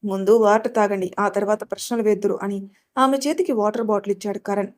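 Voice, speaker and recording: A composed young man, firm yet caring, who steadies others with his words, voiced by a woman narrator. His pitch stays level and ordinary. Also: steady tone, quick pace, natural voice. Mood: firm reassuring. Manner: firm, reassuring. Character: calm young male MBA student, caring, firm.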